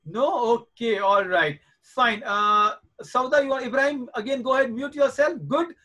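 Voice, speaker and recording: High-voiced man in his forties teaching. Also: moderate pace, bright, forceful tone. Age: 40s. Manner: reassuring, coaxing, repeats points. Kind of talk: live online class for children. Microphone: video call.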